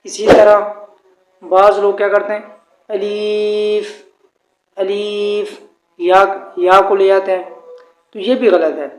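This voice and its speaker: A man teaching a tajweed pronunciation lesson, speaking slowly and formally and drawing out the letters he demonstrates. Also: high voice, steady tone. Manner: slow, formal address with drawn-out demonstrated letters. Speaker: Quran recitation teacher. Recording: echoey room.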